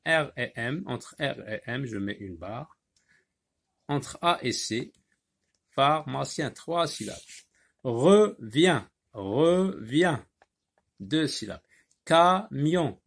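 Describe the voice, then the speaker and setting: Slow, deliberate teacher man. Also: medium pitch, vocal fry, fairly bright tone, slightly rough. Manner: slow, deliberate, spells out letters and syllables. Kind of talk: French reading lesson.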